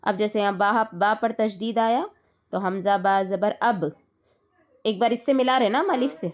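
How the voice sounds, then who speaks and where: With a medium-pitched voice, a woman explains the rules for reciting the Quran slowly and patiently. She repeats every point and checks in to be sure her student is following.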